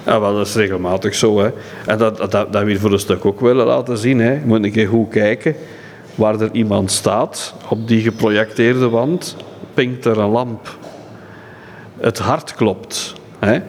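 A middle-aged man with a Flemish accent, a friar guiding a tour, telling stories haltingly with many fillers and restarts. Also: lowish voice, steady tone, a little hiss or hum. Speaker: friar and monastery guardian. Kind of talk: guided-tour conversation. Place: indoor exhibition centre. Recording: echoey hall, faint ambience.

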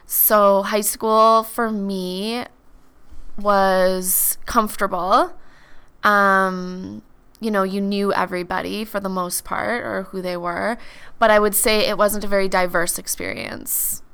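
A woman from Canada in her thirties, answering interview questions in a thoughtful, measured way. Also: mid-range voice, level tone, gravelly, a bit bright, clean tone. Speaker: podcast guest.

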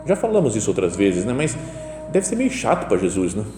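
Music plays in the background as a man gives a conversational homily in an echoey, reverberant chapel with faint ambience. His fairly low voice has huge pitch swings and a brisk pace, and he speaks with a Brazilian Portuguese accent, often asking his listeners "né?".

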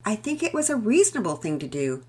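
A woman voicing a gentle, patient mother who speaks in a soft, polite, measured way. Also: medium pitch, very animated, breathy edge, pitched above the performer's own voice. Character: gentle, patient mother, calm under pressure.

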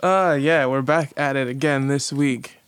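A man's voice: mid-range voice, unhurried, fairly bright tone, clean tone, no echo. A man co-hosting a podcast in casual chat, talking with a chatty, giggly enthusiasm. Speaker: podcast co-host.

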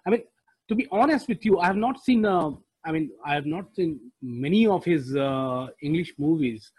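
A man talks casually as a podcast panelist. His voice sits a little high and has a husky grain. The sound is close and dry. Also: lively intonation, normal speed, darkish tone, dry recording.

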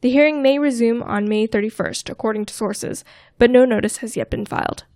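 A woman co-hosting a podcast, reading scripted financial news in a crisp, clear way. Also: a little high, fairly quick, a little mellow, no echo, studio quality. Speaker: co-host and news reader.

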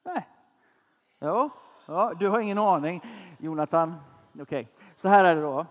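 A man's voice: high voice, expressive, long reverb tail. A man in his thirties preaching a casual, conversational sermon, often asking his listeners if they follow. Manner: chatty, asks listeners questions.

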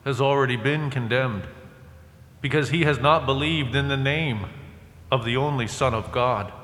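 A priest reading the gospel and preaching at mass, his measured voice turning emphatic, with a cathedral echo. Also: mid-range voice, a bit bright. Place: large church. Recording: echoey church hall with long reverb.

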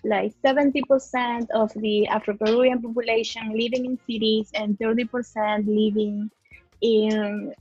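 A woman's voice: fairly high pitch, breathy edge, no room sound, dull audio. A young woman from Peru, a guest speaking earnestly in a casual discussion and using many fillers. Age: young adult.

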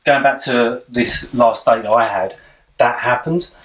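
A young man, rambling in a relaxed way about dating as a podcast co-host. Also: medium pitch, a little slow. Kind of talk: casual chat about dating. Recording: echoey room, mic a bit far off.

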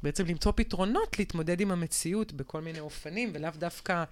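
A woman co-hosting a podcast in casual chat, reflecting aloud and often pausing to search for the right words. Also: on the low side. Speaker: podcast co-host.

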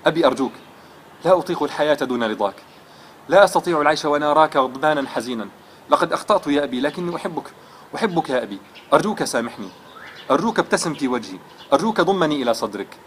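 A man's voice: on the high side, expressive, racing, a little hiss or hum, lightly acted. A man voicing a remorseful young son who pleads tearfully with his father. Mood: pleading.

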